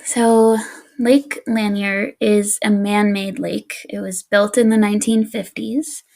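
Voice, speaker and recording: Slow, gravelly-voiced woman podcaster. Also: medium pitch. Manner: relaxed, laughs often, easygoing with fillers. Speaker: podcast co-host. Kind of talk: casual storytelling chat.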